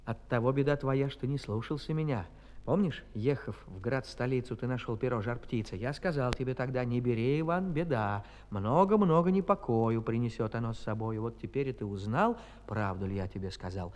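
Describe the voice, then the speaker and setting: A man voicing a small, loyal, wise humpbacked magic horse in a storybook, talking softly and quickly. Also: medium pitch, big-room sound, voice pushed down, close to an everyday voice. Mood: gently reproachful. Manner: soft, quick, hushed and comforting.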